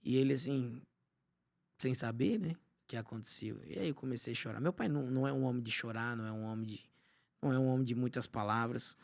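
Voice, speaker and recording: A pastor tells his life story as a podcast guest. His voice is mid-pitched, and his emotional testimony keeps sinking to a near-whisper at the tender moments. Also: fast, vocal fry. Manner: storytelling, often drops to a hushed voice.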